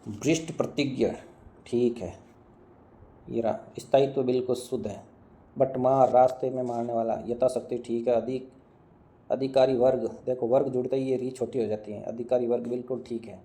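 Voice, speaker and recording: A man teaching Hindi grammar in an online exam-prep lesson, running through words and repeating them, quizzing students with quick questions and answers. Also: medium pitch, steady tone, dark tone.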